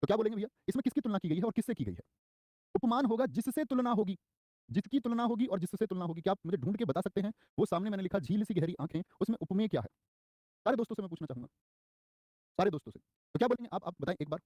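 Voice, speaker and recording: A young man teaches Hindi grammar in a live online exam-prep class, quizzing students and energetically repeating key terms. His high, expressive voice is rapid-fire with a dark tone, and he acts out short quoted lines in a raised voice. The recording is clean studio sound with no room echo.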